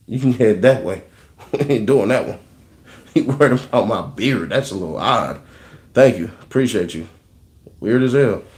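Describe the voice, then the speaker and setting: A man's voice: medium pitch, darkish tone. A man ranting about relationships in slangy, joking casual talk, repeating phrases for emphasis. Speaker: vlogger giving relationship advice. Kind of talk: casual comedic rant.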